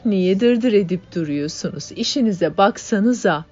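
A worried old mother speaks in brief, plain, anxious phrases, as a woman reads her in an audiobook. The voice is low-pitched, and the recording is dull and lo-fi. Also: unhurried, a little mellow. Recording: dull lo-fi audiobook, faint music.

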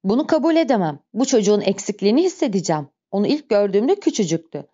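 A woman's voice: mid-range voice, sing-song, quick pace, dark tone. A woman reading an audiobook speaks the part of a sly male innkeeper who feigns fond, earnest feelings in her own voice. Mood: falsely earnest. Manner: smooth, falsely earnest. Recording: dull lo-fi recording.

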